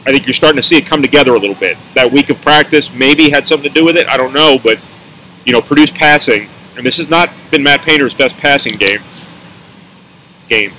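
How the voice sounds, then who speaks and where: Bright-voiced man giving post-game analysis. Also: medium pitch, slight background noise, rough recording. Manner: rambling, self-correcting, dry asides. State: talking with a mint in his mouth. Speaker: sports reporter.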